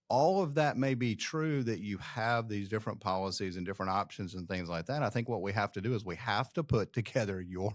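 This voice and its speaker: A middle-aged man hosting a finance podcast, reflective and steady as he builds his points. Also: lowish voice, dry recording, studio quality. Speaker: podcast host, financial planner. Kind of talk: conversational interview hosting.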